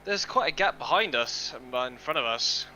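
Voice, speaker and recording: Male streamer, casual racing chatter on a headset, sharp bright tone, joking at his own expense. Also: medium pitch, animated, moderate pace, slight background noise, rough recording. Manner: self-deprecating, swears casually. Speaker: streamer and sim racing driver. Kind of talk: casual chat while racing.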